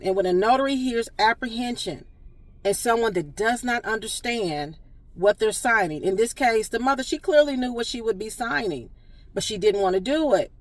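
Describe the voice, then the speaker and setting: A woman's voice: on the high side, no room sound, distant mic. A woman notary public telling a story to camera, earnest and direct, firm on principle.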